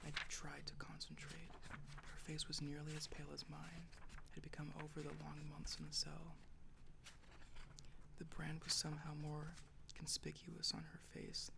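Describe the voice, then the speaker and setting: A man whispers his way through an ASMR book reading in a careful, very even delivery. There is no real voice in it, only breathy whisper, with finger tapping and clicks amid loud background noise. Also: fairly high pitch, a little slow. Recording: noisy, loud hiss and clicks.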